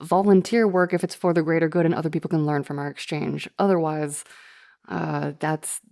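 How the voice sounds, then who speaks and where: A woman hosting a podcast chats casually with her guest, laughing often and agreeing quickly. Her voice sits a little low for a woman. She asks her questions in a loose, conversational way. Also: fairly even intonation, creaky, darkish tone. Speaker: podcast host. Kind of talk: casual interview chat.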